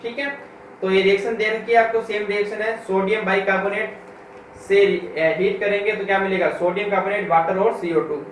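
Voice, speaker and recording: A man teaching a school chemistry class. He speaks, asks the class questions and answers them himself, and repeats key terms slowly. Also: sits high, steady tone. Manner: reads English textbook lines slowly, word by word. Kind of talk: classroom lecture. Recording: echoey room from far off, with faint noise.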